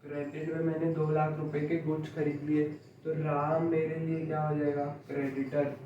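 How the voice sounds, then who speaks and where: Young male commerce tutor, unhurried and repetitive, distant mic, faint hiss behind. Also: fairly high pitch, completely flat delivery, muffled recording. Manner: slow, repeats points, asks students if they understood. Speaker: commerce teacher. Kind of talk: classroom lecture. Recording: echoey room, mic far off, faint noise.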